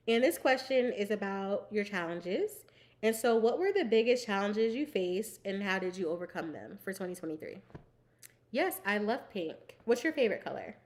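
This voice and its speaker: A woman's voice: medium pitch, a little mellow. A bubbly young woman hosting a live stream, chatting casually with her viewers, giggling often, saying "like" a lot, and talking while she snacks. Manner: bubbly and giggly, fills speech with "like". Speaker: livestream host.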